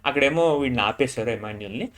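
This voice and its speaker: A man's voice: medium pitch, expressive, fast talker, a bit bright. A man casually recapping a reality show episode. He drops his voice when he quotes people and keeps repeating filler tags. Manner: retells scenes, dropping his voice for quoted lines.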